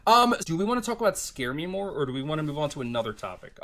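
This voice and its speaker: A man in his thirties talks on a podcast, rambling and self-reflective. His pitch swings widely, and he leans heavily on fillers. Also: sing-song, very fast, fairly bright tone. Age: 30s. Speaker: podcast host. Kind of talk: casual chat.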